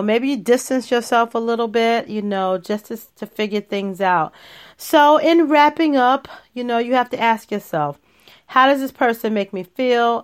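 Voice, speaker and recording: A woman's voice: on the high side, clean tone. A woman hosting a solo podcast, talking earnestly and laughing now and then at her own points. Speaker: podcast host.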